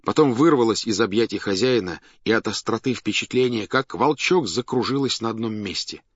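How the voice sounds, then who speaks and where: A man narrating a classic story aloud in an expressive, theatrical reading style. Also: lowish voice, a little fast, slightly rough, dry recording. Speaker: audiobook narrator. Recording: dull dry studio recording.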